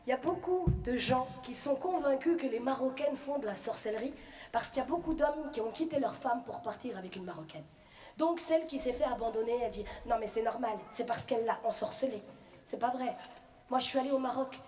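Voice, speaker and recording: A woman performing stand-up comedy, telling stories in a lively way. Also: high-pitched, a little fast, roomy sound. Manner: lively, storytelling.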